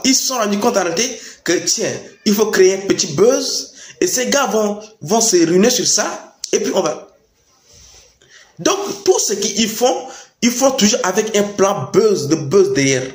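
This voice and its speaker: A man gives impassioned, informal political commentary, emphatic and repeating phrases for stress. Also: high voice. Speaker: political commentator addressing youth. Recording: echoey room.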